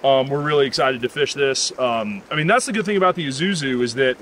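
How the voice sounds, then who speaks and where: A man in his thirties hosting a fly fishing trip outdoors by a mountain stream, talking in a relaxed, easygoing way with plenty of ums. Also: medium pitch, fast talker, slight background noise. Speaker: fly fishing guide and host. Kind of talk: casual outdoor vlog talk.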